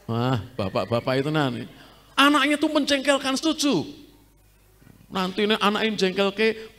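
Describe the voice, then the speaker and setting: Middle-aged male pastor, Javanese accent, lively and teasing from the pulpit, slightly high voice. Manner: lively preaching, teasing and asking the congregation. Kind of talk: sermon.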